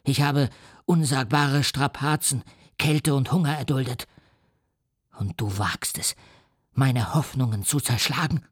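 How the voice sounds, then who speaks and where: A man voicing a huge, lonely and bitter male creature who makes slow, menacing threats in a radio play reading. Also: medium pitch, breathy edge, no room sound, clean studio sound.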